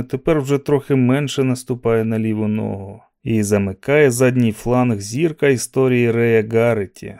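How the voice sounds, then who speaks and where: A man narrating an audiobook in a steady, dramatic storytelling manner. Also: mid-range voice, creaky. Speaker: audiobook reader.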